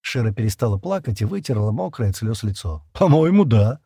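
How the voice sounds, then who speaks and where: A man narrating an audiobook chapter in an expressive reading. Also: fairly low pitch, fast, creaky, breathy edge, dry recording, studio quality. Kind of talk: scripted narration.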